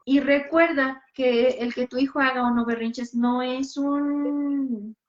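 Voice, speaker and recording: A woman's voice: high-pitched, fairly even intonation, slow pace. A woman hosting a parenting advice talk, speaking directly and animatedly, sometimes acting out little scenes. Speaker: host. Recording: dull lo-fi sound.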